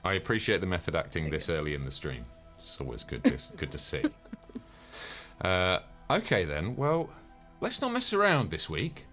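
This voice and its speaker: Guy gm-ing a tabletop stream, super deep voice but really bouncy, chatty, laughs at himself, music faint behind. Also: very animated, moderate pace, pushed and bright. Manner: chatty, self-deprecating, laughs often. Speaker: game master. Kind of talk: casual chat running a tabletop game stream.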